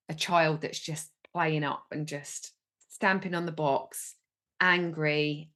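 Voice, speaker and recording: Low-voiced woman sharing feelings openly. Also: fairly bright tone. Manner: repeats phrases, then speaks openly and emotionally. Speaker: podcast host. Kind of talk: personal sharing in a guided session.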